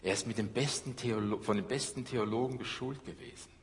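A middle-aged man delivers a sermon in an earnest preaching manner, rising to loud emphasis and then dropping to hushed, low passages. His voice sits at an ordinary pitch. A long reverb from the church hall trails after every phrase. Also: fairly quick. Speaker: pastor.

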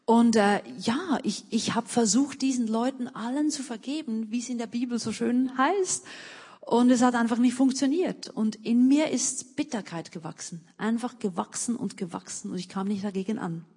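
Husky-voiced woman recounting hard times. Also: on the high side, normal speed, warm tone, in a large hall. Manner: earnest, emotional, many restarts. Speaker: missionary and author, interview guest. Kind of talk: interview, personal storytelling.

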